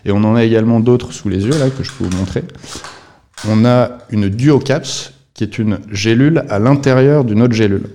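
A man's voice: on the low side, normal speed, mellow, a little hiss or hum. A man appearing as a guest on a podcast, explaining his company's products at length with frequent fillers and restarts. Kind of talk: podcast interview.

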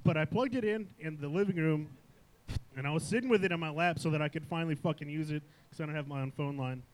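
A man co-hosting a podcast in casual chat, telling a profane story slowly and laughing through it. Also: fairly high pitch, low-quality recording. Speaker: podcast co-host. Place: live show at a sports bar.

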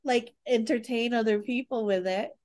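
A woman's voice: a little high, moderate pace, a little mellow. A woman co-hosting a podcast in casual chat, teasing her partner and laughing often. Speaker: podcast co-host.

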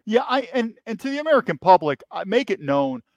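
A man's voice: very high voice, big pitch swings, a little fast, dry recording. A man who was once a federal agent, talking in an interview with emphatic storytelling and frequent repeated words. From New York. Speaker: guest, former FBI agent. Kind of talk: interview conversation.

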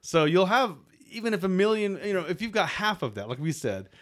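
A man's voice: sits high, big pitch swings, fairly quick, fairly bright tone. An American man chatting informally as a co-host of a podcast. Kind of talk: casual chat.

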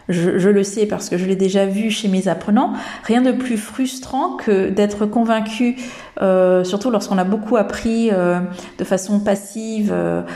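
A woman hosting a podcast lesson, teaching English pronunciation and speaking slowly and hesitantly, with many fillers. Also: medium pitch, mellow.

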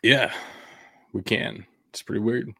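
A man's voice: fairly low pitch, steady tone, measured pace, gravelly, bright, forceful tone, no echo. A man hosting a sports show, giving casual, opinionated and blunt commentary with the occasional swear word.

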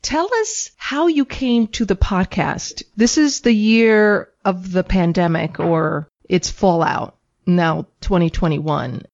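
A female radio co-host who introduces her guests and asks them questions in a brisk, friendly manner. Her voice sits at a middle pitch, and the recording is somewhat dull and muffled. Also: vocal fry, darkish tone. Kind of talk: radio interview.

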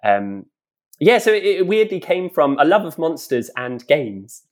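A man's voice: fairly high pitch, very animated, measured pace. A man, a children's author who chats in a podcast interview, laughs often, and reads his book aloud with drama.

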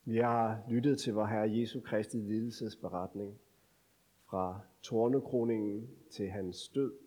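A male pastor giving a scripture reading and sermon with a measured, solemn delivery. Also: lowish voice, steady tone, warm tone. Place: church. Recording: long church reverb.

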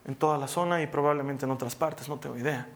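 A man with a Bolivian Spanish accent, preaching a sermon as pastor. He swings between emphatic, raised exhortation and soft, hushed passages. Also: mid-range voice, steady tone, fast.

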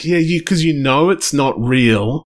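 A man's voice: on the high side, unhurried, slight background noise. A man co-hosting a casual tech podcast. He rambles and restarts his sentences as he thinks aloud. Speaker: podcast co-host.

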